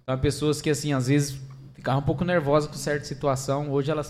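A middle-aged man with a Brazilian accent, a podcast guest telling stories in an animated, chatty way full of fillers. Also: on the high side, fast talker, slight background noise. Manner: animated, chatty, many fillers, laughs at own story. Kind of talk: casual storytelling chat.

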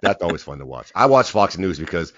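Male co-host, animated, laughs often, trips over words; dull, dry recording. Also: low-pitched, fairly quick, no room sound. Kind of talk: casual chat.

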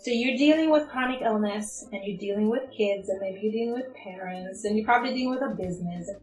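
A woman hosts a podcast interview, warmly affirming her guest and summing up what was said. Her voice sits at a middle pitch and rings in a roomy space, with faint music underneath. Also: fast. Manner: affirming, encouraging, sums up the guest's points. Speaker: podcast host. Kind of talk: conversational interview.

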